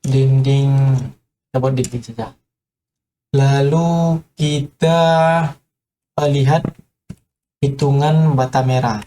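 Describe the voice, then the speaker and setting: A man's voice: mid-range voice, fairly even intonation, slow, pauses often, dark tone, a little hiss or hum. A man giving an informal tutorial on construction, talking hesitantly with many filler sounds and addressing viewers as friends. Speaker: construction explainer.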